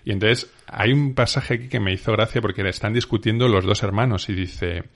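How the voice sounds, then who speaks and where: A man's voice: on the low side, fairly quick, a bit bright. A man with a Spain Spanish accent hosting a casual book podcast, rambling and correcting himself as he talks. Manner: rambling, self-correcting, informal. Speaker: podcast host.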